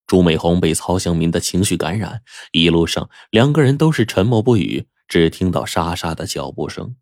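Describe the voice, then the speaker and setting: A man telling a story aloud in a lively, folksy way. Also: sits low, no room sound, clean studio sound. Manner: lively, folksy narration with drawn-out particles. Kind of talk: oral storytelling.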